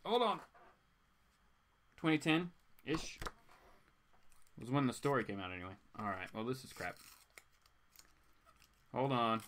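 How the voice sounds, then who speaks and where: A man on a casual comics reading livestream rambles informally and reads aloud theatrically. His medium-pitched voice is sing-song and fairly bright, a little slow with long pauses. There's slight background noise.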